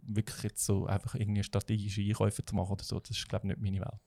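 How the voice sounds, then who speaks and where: Low-voiced Swiss German man chatting. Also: flat delivery, fast talker, gravelly, mellow. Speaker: podcast guest. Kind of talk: casual interview chat.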